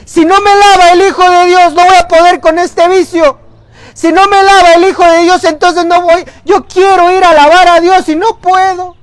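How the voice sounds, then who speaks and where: A rough, humble apostle Peter cries out in a strained, pleading voice, pitched high and loud, as a man preaching acts him out. The stays. The sound is dry and close. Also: level tone, normal speed, no echo.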